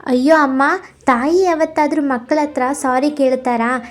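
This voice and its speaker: A woman voicing a gentle elder daughter from a cartoon story, speaking in a high, soothing voice. She reassures softly, with faint music underneath. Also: fairly even intonation, normal speed, close to an everyday voice. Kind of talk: storybook character voice.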